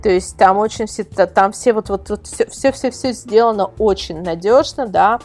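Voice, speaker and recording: A woman guests on a casual podcast discussion as a product reviewer and website editor, speaking at a moderate pace in a mid-range, darkish voice with faint music behind her. She is emphatic and repeats words for stress.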